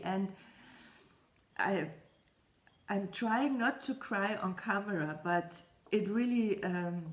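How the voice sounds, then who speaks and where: A woman chatting casually to camera as a stitching vlogger, rambling and halting, often stopping to apologize. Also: mid-range voice. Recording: echoey room.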